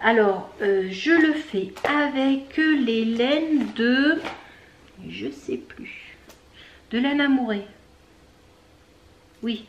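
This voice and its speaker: Slow, hesitant woman chatting. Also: a little high, big pitch swings, dull audio, slight background noise. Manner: hesitant, many fillers, searches for words and things aloud; chatty, talks straight to viewers. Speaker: knitting podcast host. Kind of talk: casual show-and-tell chat.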